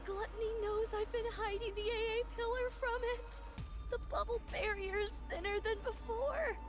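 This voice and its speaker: A woman voicing a young female mermaid android in a game, soft and earnest, strained as her strength fails. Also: very high voice, fairly even intonation, moderate pace. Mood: tense. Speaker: game character voice. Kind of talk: voiced game dialogue. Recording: game audio with music behind. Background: background music.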